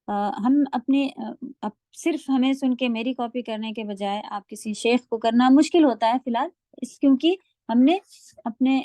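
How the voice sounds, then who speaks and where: Lady teacher walking students through letter sounds, slightly high voice, dry recording. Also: a little mellow, no room sound. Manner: patient, explains pronunciation by demonstrating letter sounds. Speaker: Quran recitation teacher. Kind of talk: online tajweed lecture.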